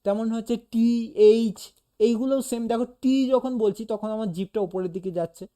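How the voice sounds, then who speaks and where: Patient tutor, dark mellow tone, talks a student through a lesson and sounds out examples. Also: medium pitch, a little fast. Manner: explains patiently, demonstrates sounds aloud, keeps checking "okay?". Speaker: animation teacher. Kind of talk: casual one-on-one lesson.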